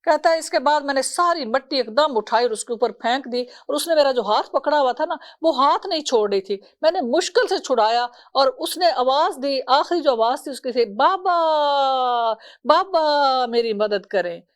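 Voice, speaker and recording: A woman's voice: sits high, lively intonation, hardly any pauses. A middle-aged woman preaching a sermon, telling a story with emotional sighs and laments. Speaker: religious preacher.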